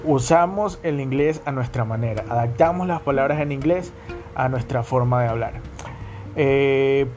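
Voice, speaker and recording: A man's voice: mid-range voice, normal speed, darkish tone. Young male podcaster with a Guayaquil accent, casual and chatty, music faintly underneath. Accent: Guayaquil coastal Ecuadorian. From Guayaquil, Ecuador. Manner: chatty, repeats ¿me entienden?. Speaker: podcast host.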